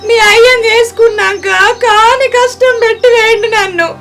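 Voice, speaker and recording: A woman's voice: very high-pitched, fairly even intonation, normal speed, fairly bright tone. A middle-aged woman playing a grieving widowed village mother, weeping and lamenting in a Telangana Telugu accent. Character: widowed village mother, older, mourning her brother. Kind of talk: village family drama acting. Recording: music playing behind.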